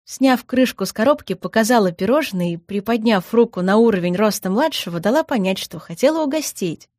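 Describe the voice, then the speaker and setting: A woman narrating a fantasy story in the first person as an audiobook reader, in a lively, expressive way. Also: mid-range voice, fairly quick, no room sound, clean studio sound.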